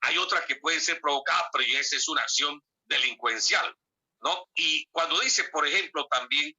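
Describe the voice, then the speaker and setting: A man giving a classroom lecture, speaking straight to his students and tagging his points with quick questions. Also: on the high side, pushed and bright, slightly rough. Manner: peppers talk with tag questions to students; addresses listeners directly, conversational. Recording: dull lo-fi recording.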